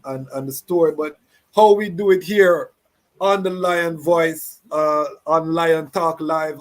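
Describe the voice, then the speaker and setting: A man hosting a livestream interview, asking questions with many hesitant "uh"s and "um"s. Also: fairly high pitch. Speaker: host.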